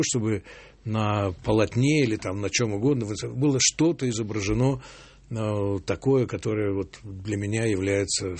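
Older man, composer guest on a radio show; husky, lowish voice, animated and opinionated, dry studio sound. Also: no room sound. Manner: animated, opinionated, quoting others mockingly. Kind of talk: radio interview answers.

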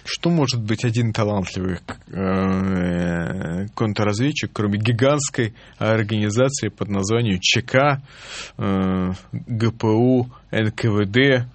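A man speaking as a historian guest on a radio interview, halting and full of fillers. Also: fairly low pitch, dry recording.

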